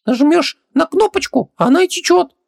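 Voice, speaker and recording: A small, excitable male djinn servant chatters in a squeaky, eager voice pitched far above a normal man's. His lines bounce up and down and stay fussy and quick. It sounds like a storybook comic sidekick. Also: creaky, exaggerated voice.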